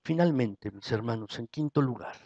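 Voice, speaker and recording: Mexican pastor preaching, muffled recording. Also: male voice, medium pitch, animated, normal speed, mellow. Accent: Mexican Spanish. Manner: preaching with rising emphasis. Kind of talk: sermon.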